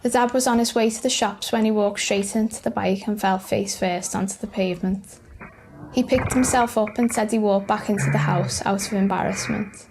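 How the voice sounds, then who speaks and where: A woman's voice: medium pitch, steady tone, normal speed, darkish tone, rough recording. A woman reading scripted narration for light news video clips. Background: music.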